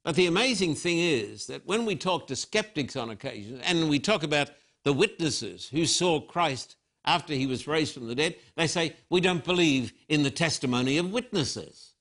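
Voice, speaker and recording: An older man preaching a sermon as pastor, telling the story with animated storytelling and acted-out quotes. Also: on the high side, normal speed, few pauses.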